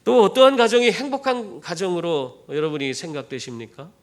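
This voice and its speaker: A man's voice: high voice, a little fast. A man preaching a sermon as pastor, telling stories with rhetorical questions to the congregation. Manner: animated storytelling with rhetorical questions. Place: church.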